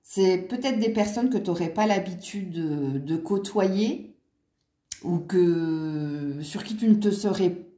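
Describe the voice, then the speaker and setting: A woman's voice: fairly low pitch, takes it slowly, warm tone, roomy sound. A woman doing a casual angel card reading, chatty with many fillers and small laughs. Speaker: card reader.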